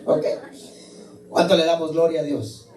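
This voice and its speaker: A man's voice: medium pitch, moderate pace, darkish tone. A male pastor preaching a sermon, fervent and emotional, calling the listeners brother. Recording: echoey and distant, some room noise.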